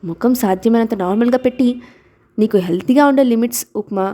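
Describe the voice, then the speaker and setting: A calm, loving young father from a storybook, gentle and a little teasing, as a woman reader voices him. The tone is warm and mellow, in an everyday reading voice. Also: fairly high pitch, brisk, natural voice.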